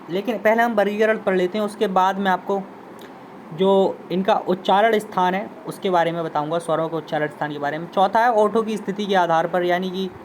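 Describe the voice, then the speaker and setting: A man's voice: sits high, a little hiss or hum, low-quality recording. A man teaching a Hindi grammar lesson, repeating terms and sounding out example vowels while inviting students to try them. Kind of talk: classroom lesson explanation.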